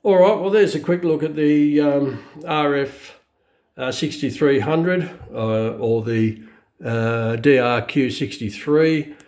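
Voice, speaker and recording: An Australian man, a radio collector presenting a review, gives an unscripted hands-on product demonstration into a camera mic. His fairly high, slightly mellow voice explains things in a halting, matter-of-fact way.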